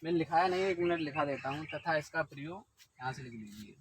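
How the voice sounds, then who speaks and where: A man's voice: a little high, expressive, quick pace, slight background noise. A man teaching an exam-prep lesson, explaining step by step and often putting questions to the viewers.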